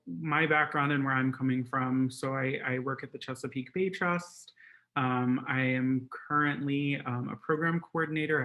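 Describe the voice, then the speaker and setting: A man's voice: fairly high pitch, fairly bright tone. Man giving a conversational online talk. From Guatemala, raised in Maryland. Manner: conversational, many fillers. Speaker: presenter. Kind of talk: online presentation.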